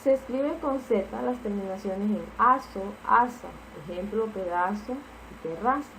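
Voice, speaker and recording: A woman teacher walks through spelling rules with example words in a patient, explanatory way. Her voice sits at a middle pitch. A faint hum of background noise sits under her. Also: unhurried, fairly bright tone, low-quality recording. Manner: patient, explanatory, repeats key points with "entonces".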